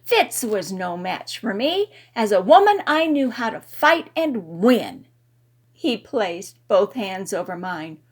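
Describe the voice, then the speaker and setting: A woman narrating a first-person story in an expressive, playful way. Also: mid-range voice, slow.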